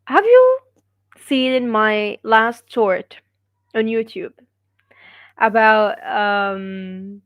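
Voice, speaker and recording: A woman's voice: fairly high pitch, animated, drawn-out words, long pauses, dry recording, studio quality. A woman from Gaza, an English speaker hosting a casual livestream, reading viewer comments with many fillers and frequent laughs. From Gaza, Palestine. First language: Arabic. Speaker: livestream host.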